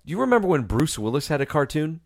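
A man's voice: on the high side, big pitch swings, quick pace, creaky, dry recording. A man co-hosting a podcast in casual chat, laid-back and swearing now and then, calling his friend dude. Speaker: podcast co-host.

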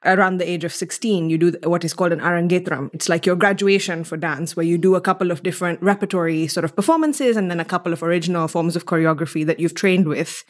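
In a fairly low, steady voice, a young theatre artist from Mombasa, Kenya, talks quickly with few pauses. She's a guest on a podcast, sharing personal stories reflectively and articulately.

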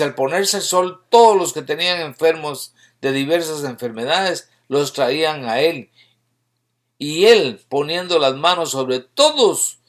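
A man preaching a sermon with fervor, reading scripture aloud and rising into emphatic bursts between quieter stretches. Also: mid-range voice.

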